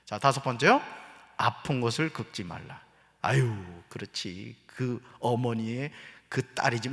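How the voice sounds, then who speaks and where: Middle-aged pastor preaching, jokey and animated, bright voice bouncing around a big church hall. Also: male voice, mid-range voice. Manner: humorous, animated preaching with jokes and quoted voices. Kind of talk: sermon. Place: church sanctuary.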